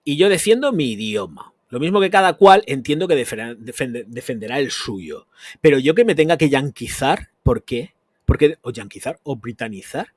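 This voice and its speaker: A man's voice: medium pitch, expressive, moderate pace, breathy edge, no room sound. A man, a perfume channel host answering chat comments on a live stream in a blunt, crude, emphatic rant.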